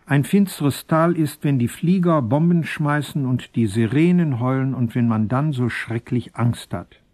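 A man's voice: medium pitch, measured pace, a little mellow, no echo, lightly acted. A man reading the part of a small earnest girl, in a grave, plain manner. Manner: earnest, grave childish answer.

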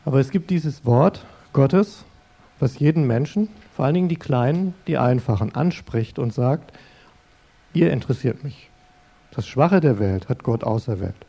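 A middle-aged man preaching in an earnest, conversational way, turning to his listeners directly. His voice is mellow and warm. The recording sounds a little dull and lo-fi. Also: medium pitch, expressive, moderate pace. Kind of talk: sermon-style talk.

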